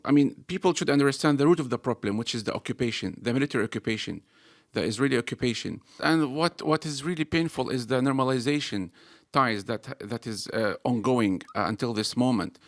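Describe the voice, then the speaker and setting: A man's voice: medium pitch, a little fast, no room sound. Earnest man, dry sound. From Gaza. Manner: earnest, with frequent fillers and restarts. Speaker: panel speaker. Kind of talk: debate argument.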